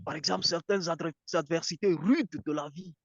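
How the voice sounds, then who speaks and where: A man's voice: a little high, fairly quick, dry recording. Insistent man with a muffled, dry sound. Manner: insistent, repeats words while searching. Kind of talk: casual debate chat.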